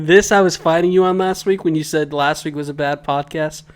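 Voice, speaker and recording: A man's voice: a little high, steady tone, brisk. A man co-hosting a podcast, doing a casual comedic recap with profane, teasing banter. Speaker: podcast co-host.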